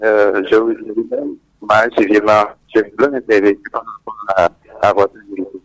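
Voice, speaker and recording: Low-voiced man calling in on a failing line. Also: little pitch movement, dry recording. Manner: halting, restarts often. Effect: bad phone line cutting out. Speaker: radio call-in caller. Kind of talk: hesitant call-in comment.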